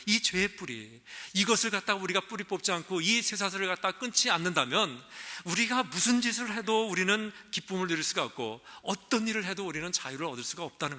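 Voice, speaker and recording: Bright-voiced man preaching a sermon. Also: sits high, expressive, a little fast, few pauses. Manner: earnest preaching with rhetorical questions and storytelling. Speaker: pastor. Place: church sanctuary.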